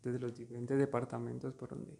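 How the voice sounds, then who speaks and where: Colombian guy, mid voice, pretty flat and even, explaining stuff calmly. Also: mid-range voice, a little fast, vocal fry. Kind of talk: casual conversation about art.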